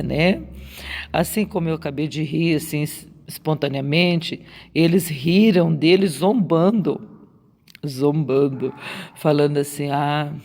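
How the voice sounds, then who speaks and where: A woman's voice: low voice, gravelly, a little mellow. A Brazilian woman preaching a sermon, repeating her points with emphasis and asking rhetorical questions. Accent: Brazilian Portuguese. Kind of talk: sermon on a Bible story. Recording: long reverb.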